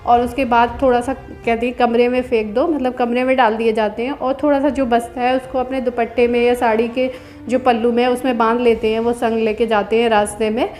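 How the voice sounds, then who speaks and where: Woman, fairly high voice, casual vlog voice-over, chatty, homely, faint music behind. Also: little pitch movement, fairly quick, a little mellow. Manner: chatty, homely, explains step by step. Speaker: vlogger.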